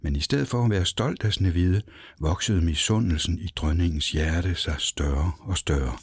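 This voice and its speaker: A man reading a fairy tale aloud as an expressive, dramatic storyteller. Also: sits low, husky, dry recording. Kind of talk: storybook narration.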